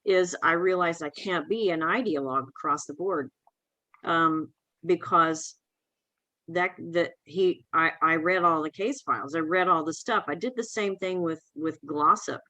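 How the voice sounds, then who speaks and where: Halting co-host with a bright voice. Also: medium pitch, dry recording, poor audio. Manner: halting, with many restarts and repeated words. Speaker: podcast co-host. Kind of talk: casual podcast discussion.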